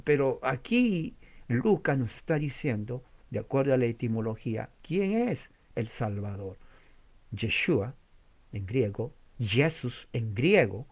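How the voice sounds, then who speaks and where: A man's voice: mid-range voice, very animated, a little slow, darkish tone. Male pastor, mid-range voice, didactic sermon style, rhetorical questions and emphatic repetition. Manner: teaching with many rhetorical questions, sudden emphatic rises; spells out and repeats words for emphasis.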